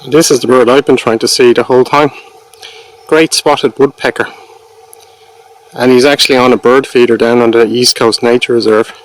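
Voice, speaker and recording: A man's voice: mid-range voice, steady tone, moderate pace, long pauses, low-quality recording. A man presenting wildlife in an informal, explanatory nature documentary style, speaking to viewers. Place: mostly outdoors in nature.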